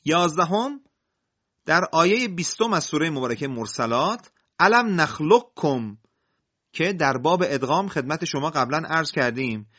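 A man's voice: a little high, expressive, bright, forceful tone, muffled recording. A man teaching Quran recitation rules, going through numbered points one by one in a careful explanatory lecture. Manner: methodical, enumerating points one by one.

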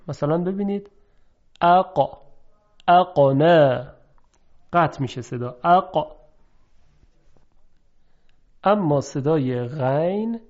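A man teaching a pronunciation lesson, explaining methodically and drawing out example words slowly. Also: fairly high pitch, mellow. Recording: dull lo-fi recording.

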